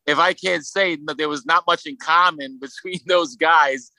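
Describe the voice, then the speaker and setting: Bright-voiced man with a Brooklyn accent. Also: fairly high pitch, dry recording, low-quality recording. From Brooklyn, New York. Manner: halting, rambling, peppered with "you know". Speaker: podcast guest, sculptor. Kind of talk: casual conversational interview.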